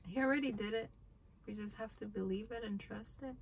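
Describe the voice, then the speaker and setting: Young woman, gravelly, casual and heartfelt, "like"-heavy, phone recording in a car. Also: mid-range voice, fairly quick, a little hiss or hum. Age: young adult. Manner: heartfelt, filler "like". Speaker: vlog co-host. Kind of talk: casual faith talk. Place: inside a car. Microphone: phone camera held by the man.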